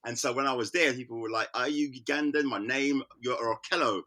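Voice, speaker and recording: A middle-aged artist from London, Britain, tells animated anecdotes at a brisk, bright clip in casual conversation as a guest. Using a mid-range voice, he acts out quoted voices with laughter.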